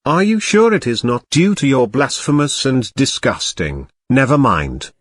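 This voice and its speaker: A man voicing a robot cat who gives formal, dry, disapproving commentary over clips, with a lively pitch. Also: unhurried, no echo.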